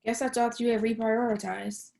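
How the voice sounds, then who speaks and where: At a table read, an actress voices a playful, needy, broke girlfriend in a long-distance relationship for a comedy-drama, sounding disappointed. Her voice is on the high side and mellow, with vocal fry, a level tone, and normal speed.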